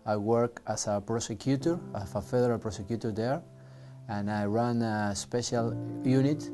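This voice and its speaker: A man from Argentina, a native Spanish speaker with an Argentine accent, speaking earnestly in an interview as a federal prosecutor, halting with restarts. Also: mid-range voice, fairly even intonation, over music.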